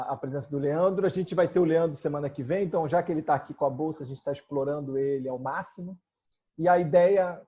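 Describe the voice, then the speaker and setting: Mellow, slightly high-pitched seminar host. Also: male voice. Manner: informal, rambling, many fillers. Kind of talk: introducing a guest at an online seminar.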